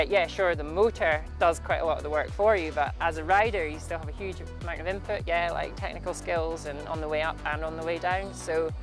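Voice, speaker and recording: A man with a Highland Scottish accent speaking casually in an interview as an e-bike racer. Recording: music behind the voice.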